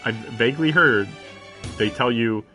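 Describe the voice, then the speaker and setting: Unhurried and forceful, with a bright, mid-range voice, this man narrates a visual novel on a live stream and breaks off into incredulous, offhand commentary laced with swearing. Game music runs in the background.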